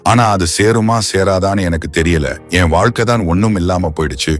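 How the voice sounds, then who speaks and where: A man's voice: low voice, fairly quick, soft background music, close to an everyday voice. A man voicing a grieving young police officer who speaks in a tearful, heartfelt way in an audio novel.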